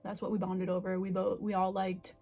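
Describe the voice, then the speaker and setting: A woman's voice: mid-range voice, monotone, a little fast, dark tone, soft background music. A woman in her twenties chatting casually and candidly to the camera in a self-reflective, confessional way. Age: 20s. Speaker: vlogger.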